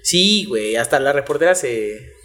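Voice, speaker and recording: A man's voice: mid-range voice, animated, moderate pace, pushed and bright. A young man with a Mexican accent co-hosting a casual chat, full of slang and swearing, often laughing. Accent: Mexican Spanish. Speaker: podcast co-host.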